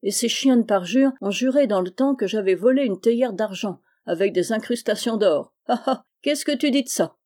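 A woman's voice: a little high, animated, moderate pace, few pauses, mellow. A woman playing a boisterous, mocking old-time sailor. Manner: laughing, sarcastic, boastful.

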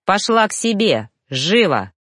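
A woman voicing a proud male reaper who gives curt, harsh orders in a lowered voice. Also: sing-song, a little slow, a bit bright, no echo, studio quality. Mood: cold harsh.

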